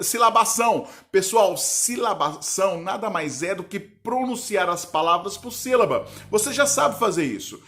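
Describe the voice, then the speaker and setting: Teaching grammar didactically, this man has a slightly high, somewhat bright voice. He often stops to ask if the viewer is keeping up and draws words out slowly as he breaks them into syllables.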